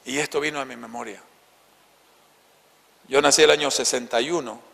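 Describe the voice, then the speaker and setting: A man in his fifties with a Santa Cruz Bolivian accent, preaching a sermon and telling a childhood story, often dropping to soft, hushed tones. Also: medium pitch, fairly even intonation, moderate pace, gravelly, in a large hall. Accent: Bolivian Spanish, Santa Cruz. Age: 50s. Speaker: pastor. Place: church hall.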